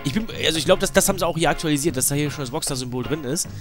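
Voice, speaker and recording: A let's player with a slight cold talks very fast in a somewhat high voice. His commentary is rambling, informal and full of slang, with video game music playing behind it.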